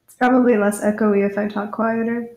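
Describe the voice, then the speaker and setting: A woman's voice: medium pitch, level tone, fairly quick, a little mellow. A woman chatting casually on a desktop mic from an empty room, her voice echoing as if through a tunnel. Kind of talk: casual chat before a tabletop game.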